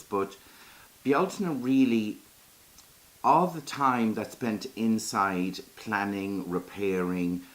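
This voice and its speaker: Lilting Irish storyteller, lowish male voice. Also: a bit bright. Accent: Irish, Kerry. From Ireland, Iveragh in County Kerry. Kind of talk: folklore storytelling to an audience.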